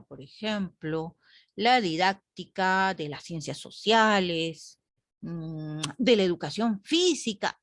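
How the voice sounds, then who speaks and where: A woman's voice: on the low side, no room sound, studio quality. A woman teacher lecturing a class online, asking the group rhetorical questions and often adding "¿no?".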